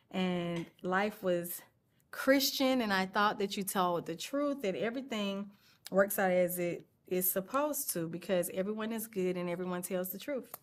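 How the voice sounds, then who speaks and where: A woman, telling her life story on stage in short, reflective, halting phrases. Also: medium pitch, slight background noise. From Atlanta, Georgia, USA. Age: 40s. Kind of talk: personal storytelling monologue.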